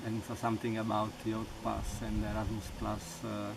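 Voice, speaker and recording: Young Italian-speaking man from Sicily, halting and gravelly, recorded from a distance with music over him. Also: on the low side, monotone, noisy background. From Sicily, Italy. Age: young adult. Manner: halting, many restarts and fillers. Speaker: volunteer. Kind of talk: interview answers. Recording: distant mic with loud music.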